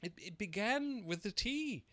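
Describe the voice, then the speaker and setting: A man's voice: sits high, expressive, measured pace, a bit bright, no echo, voice pushed up. A man doing a stammering, nervous hatter. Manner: stammering, trembling. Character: nervous, rambling male hatter.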